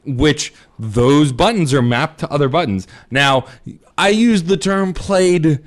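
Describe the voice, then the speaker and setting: A man's voice: a little high, expressive, slow pace. Chatty male podcast co-host. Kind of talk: casual chat.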